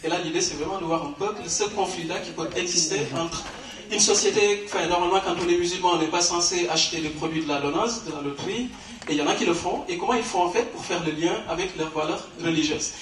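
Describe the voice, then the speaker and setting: A man's voice: high voice, fast, fairly bright tone, far from the mic. Man announcing prizes in an echoey hall. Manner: many fillers and restarts, explanatory. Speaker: awards presenter at an academic conference. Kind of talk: hesitant spoken announcement. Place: conference hall.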